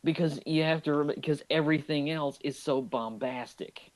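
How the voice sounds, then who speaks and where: A man co-hosting a movie podcast, chatting casually and enthusiastically about an animated film, often restarting his sentences. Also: a little high, moderate pace, poor audio. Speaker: podcast co-host.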